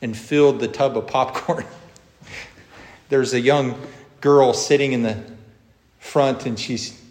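A man preaching a sermon as pastor, slow and measured, with emphatic rises on key words. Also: medium pitch, steady tone, darkish tone. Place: church sanctuary. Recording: long church reverb.

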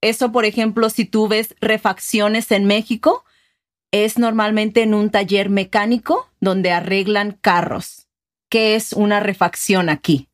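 A woman's voice: mid-range voice, fairly even intonation, a little slow. A woman from Mexico, hosting a casual conversation and asking follow-up questions about regional words. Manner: inquisitive, explaining and asking follow-ups. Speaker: host.

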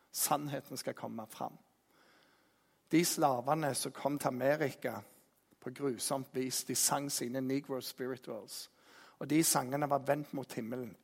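A man preaching a sermon with passion, his voice swinging from loud emphasis to hushed tones, recorded from a distance in a large hall. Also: mid-range voice, creaky, husky. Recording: distant echoey hall sound.

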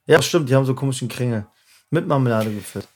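A young man co-hosting a casual podcast, relaxed and slangy, often searching for the right word. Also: mid-range voice, fast talker. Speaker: podcast co-host.

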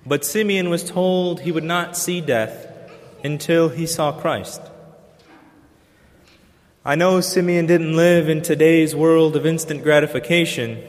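A man preacher delivering a sermon in an earnest, measured way with pauses. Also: fairly high pitch, fairly even intonation. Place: church. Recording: long church reverb.

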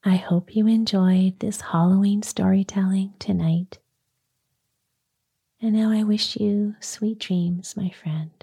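A woman reading a story aloud in a soft, breathy whisper, storytelling at bedtime. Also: medium pitch, steady tone, slow.

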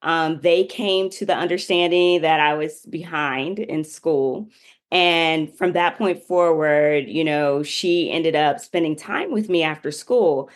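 Woman guest, lowish voice, chatty storyteller, casual interview. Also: slow. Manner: chatty, many fillers like "you know".

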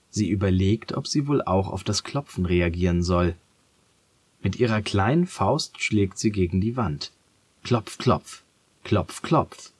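Deep, slow, husky male storyteller. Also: dry recording. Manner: calm, measured. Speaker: narrator. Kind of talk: storybook narration.

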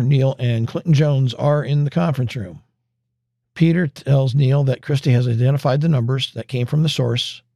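A man's voice: medium pitch, gravelly, mellow, no echo, studio quality. A man hosting a podcast, recapping a TV episode in a wry, conversational way with asides. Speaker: podcast host.

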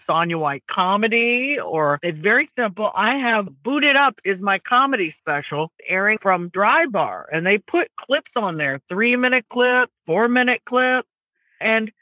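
Here a woman of medium pitch, a comedian from the American South with a Southern US accent, chats animatedly as an interview guest and laughs often. There's no room sound, and the recording quality is low.

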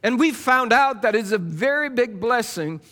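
Fervent high-voiced male pastor. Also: expressive, moderate pace, fairly bright tone. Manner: fervent, emphatic preaching. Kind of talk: sermon.

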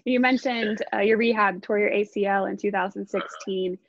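A woman interviewer asking brisk, steady questions. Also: mid-range voice, gravelly, no echo, lo-fi sound.

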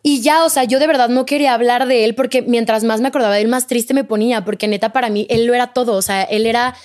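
A woman's voice: on the high side, fast. A young woman, telling a personal story in casual chat, full of fillers and quoted dialogue. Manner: animated, quotes others, many fillers like "de que" and "o sea". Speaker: podcast guest.

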